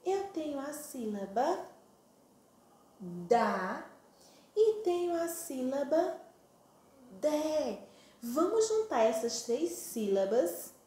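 Slow high-voiced woman teaching phonics. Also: darkish tone. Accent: Brazilian Portuguese, Pernambuco. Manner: affectionate, stretches syllables and uses diminutives. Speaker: preschool teacher. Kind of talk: slow, sing-song phonics lesson for small children. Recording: very echoey room.

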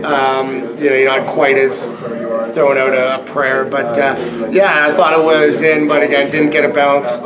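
A man in his thirties, a head coach answering reporters after a game, halting with many fillers and restarts. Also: medium pitch, little pitch movement, over a noisy crowd. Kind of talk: post-game press scrum. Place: arena press area, indoors.

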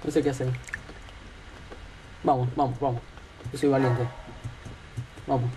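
A man's voice: mid-range voice, level tone, normal speed, dark tone, a little hiss or hum, poor audio. A man commentating a horror game, his voice trembling with fear as he mutters and yelps nervously. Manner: jittery, frightened exclamations and muttering. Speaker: gaming channel host.

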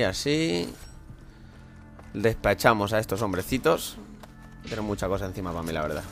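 Excitable Spanish man commentating gameplay. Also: on the low side. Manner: excitable, talks to himself while playing, sudden loud outbursts. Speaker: gameplay streamer.

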